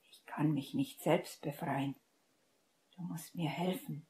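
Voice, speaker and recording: A woman puts on a stern, calm male wizard who speaks in a hushed, urgent whisper, in a whispered role-play from a storybook reading. The voice sits low and sounds dark and mellow. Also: measured pace.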